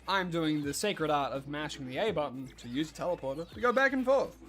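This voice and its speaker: Stuffy and nasal from allergies, a young streamer talks casually with his viewers during a game, thinking aloud with fillers. His voice is on the high side, expressive, fairly quick, and a bit bright.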